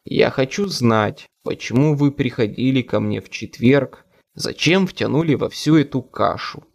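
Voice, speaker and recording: A stubborn wizard detective in an audiobook, cornered and grim, as a male narrator plays him. He speaks slowly in a gravelly low voice, pressing hard for answers. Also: darkish tone, muffled recording. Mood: insistent.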